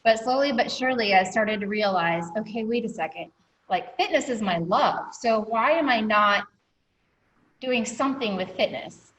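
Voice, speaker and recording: A woman's voice: on the high side, normal speed, fairly bright tone, poor audio. A woman guest on an interview podcast, telling her story candidly with many ums and a catch of emotion in her voice. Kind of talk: reflective personal storytelling.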